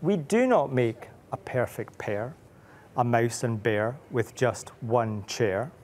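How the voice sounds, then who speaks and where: A man voicing a grumpy little male mouse from a storybook, speaking in slow, measured rhymes. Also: medium pitch, animated, a little mellow, pitched below the performer's own voice. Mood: grumbling. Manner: slow, measured rhyming speech.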